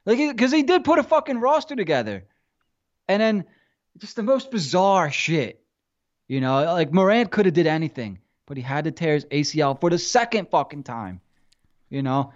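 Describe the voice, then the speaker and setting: A man's voice: a little high, big pitch swings, moderate pace, lo-fi sound. A man co-hosting a podcast, venting in casual sports chat with exasperated rhetorical questions and heavy swearing. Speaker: podcast co-host.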